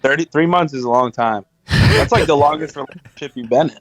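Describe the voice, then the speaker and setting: A man's voice: a little high, fairly quick, dry recording, rough recording. A man co-hosting a casual podcast chat, jumping in with crude, joking questions. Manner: joking, crude, jumps in with quips. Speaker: podcast co-host.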